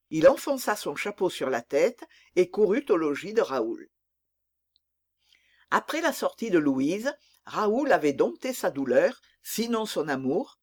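An expressive narrator reads a classic novel aloud in a steady literary delivery. The pitch rises and falls with lively movement. Each long sentence is shaped with care.

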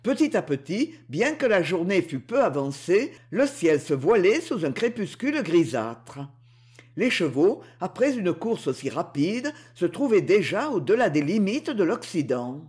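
A woman narrating a mythological storybook audiobook in an expressive storytelling manner. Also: on the low side, a little slow, breathy edge.

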